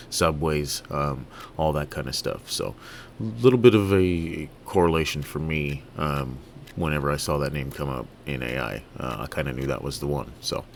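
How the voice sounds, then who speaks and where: Very deep-voiced gravelly man from Canada. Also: a little hiss or hum. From Toronto, Canada. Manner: relaxed, halting, many fillers and restarts. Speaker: gaming video creator. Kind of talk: casual let's-play commentary.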